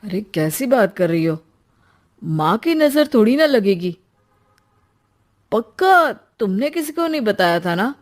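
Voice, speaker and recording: A man's voice: sits high, very animated, measured pace, long pauses. A man voicing a frustrated, hot-tempered young husband in a cartoon story. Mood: angry. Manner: blunt, irritable.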